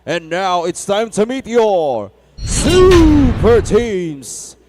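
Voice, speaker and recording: A man with a Filipino accent announcing player introductions at an indoor basketball arena, stretching out the names in a booming call. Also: sing-song, noisy background. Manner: drawn-out booming name calls. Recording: arena PA with loud music. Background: loud music.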